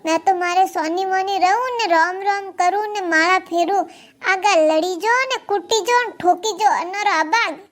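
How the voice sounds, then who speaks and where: Cartoon old Marwari granny, played by a woman, piercingly high voice, endlessly grumbling about her family. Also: unhurried. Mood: complaining. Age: older. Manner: complaining, scolding. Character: grumbling old grandmother with four sons. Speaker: cartoon character. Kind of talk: cartoon comedy dialogue.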